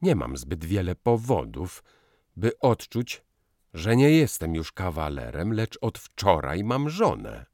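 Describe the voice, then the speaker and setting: A man's voice: sits low, huge pitch swings, takes it slowly, darkish tone, dry recording, studio quality, exaggerated voice. A man voicing an anxious young husband who pleads in an anguished way. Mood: pleading.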